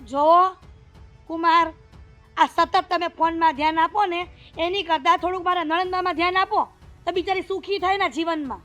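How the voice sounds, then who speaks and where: A woman's voice: very high voice, steady tone, normal speed, a bit bright, dull audio, soft background music. A woman playing a bossy scolding sister-in-law. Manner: scolding and warning. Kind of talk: stage-play family drama.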